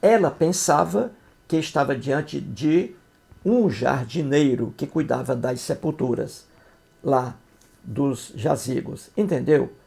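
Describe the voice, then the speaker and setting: A man's voice: mid-range voice, expressive, slow pace, creaky, a little mellow. A man giving critical commentary on scripture, explaining it in a didactic, scornful way and often checking that listeners follow. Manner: didactic, repeats points, asks "entendeu?"; scornful, mocking. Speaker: video commentator.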